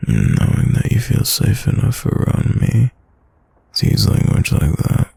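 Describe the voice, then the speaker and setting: Man acting as a slow, gravelly, breathy boyfriend, whispered role-play. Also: rumbling low, wildly swooping pitch, dark tone, dry recording, exaggerated voice. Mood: teasing, reassuring. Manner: slow, soothing, intimate murmur. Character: tender, protective, gently dominant boyfriend soothing his partner.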